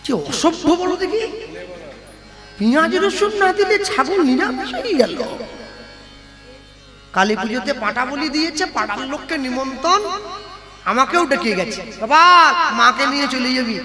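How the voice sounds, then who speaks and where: A man telling devotional stories as a kirtan singer and preacher, in an animated, teasing way. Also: very high voice, normal speed, pauses often. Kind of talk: devotional storytelling sermon with song. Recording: echoey hall with live music. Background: devotional music.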